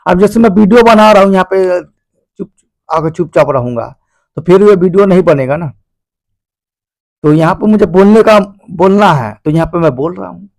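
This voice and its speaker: A man's voice: sits high, moderate pace, no room sound. A man hosting a video, casually explaining a self-help book to his viewers in a conversational, repetitive way. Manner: conversational and repetitive, addresses listeners as "bhai". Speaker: video host.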